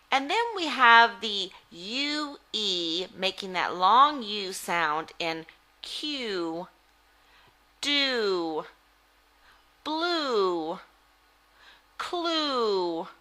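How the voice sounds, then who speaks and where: A woman giving a phonics lesson as a reading teacher, deliberately enunciating words in an instructional way. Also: mid-range voice, pushed and bright. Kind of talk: phonics lesson, word-by-word articulation drill.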